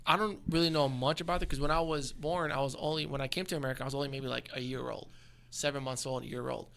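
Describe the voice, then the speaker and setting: A young man who is a guest on a casual interview, agreeable and quick to say yeah, explaining his work. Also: mid-range voice, flat delivery, vocal fry, a bit bright, slight background noise.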